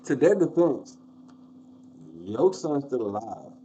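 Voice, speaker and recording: Brief: casual male streamer, mid pitch, offhand reactions, slightly dull mic with faint hiss. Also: very animated, takes it slowly, dark tone. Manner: casual, conversational, uses fillers. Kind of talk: livestream reaction commentary.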